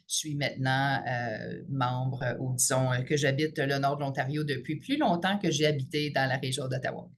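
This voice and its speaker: A Franco-Ontarian woman in her fifties from the Ottawa region, president of a teachers' union, talks in a podcast interview. Her voice is extremely low, and she speaks in a measured way, filling pauses with "euh" and "là," over a slight hiss or hum.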